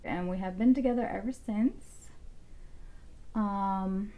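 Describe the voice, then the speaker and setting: Speaking slowly in a mellow, medium-pitched voice, a woman in her thirties talks her way through a home makeup tutorial. She's a beauty vlogger who rambles and thinks out loud, leaning on lots of fillers.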